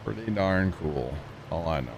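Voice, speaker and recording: A man's voice: sits low, normal speed, vocal fry, noisy background. Man streaming over a headset mic. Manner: greets chat viewers casually, relaxed and chatty. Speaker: livestreamer playing a farming game. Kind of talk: casual livestream chat and game talk.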